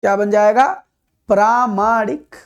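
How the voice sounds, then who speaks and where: A man's voice: sits high, takes it slowly, clear, resonant tone, dull audio. A man teaching an exam-prep Hindi lesson. He talks emphatically, repeats key words and asks his class rhetorical questions.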